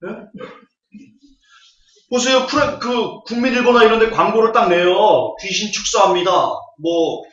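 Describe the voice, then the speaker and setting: A man's voice: high voice, lively intonation, a little slow, long pauses, fairly bright tone. Scornful preacher man, echoey hall. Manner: scornful, rhetorical questions. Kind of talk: Bible lecture sermon. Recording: echoey hall, distant, dull audio.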